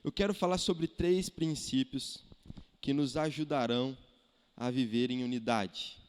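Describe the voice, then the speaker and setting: A Brazilian man preaching a sermon as pastor, animated, firing rhetorical questions and acting out quotes. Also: medium pitch, unhurried, smooth. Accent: Brazilian Portuguese. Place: church hall. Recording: echoey church hall.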